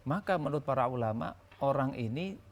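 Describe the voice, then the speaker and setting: A man's voice: mid-range voice, lively intonation, a little fast, slight background noise. A man teaching as a religious scholar on a talk show, patiently explaining rules with everyday examples.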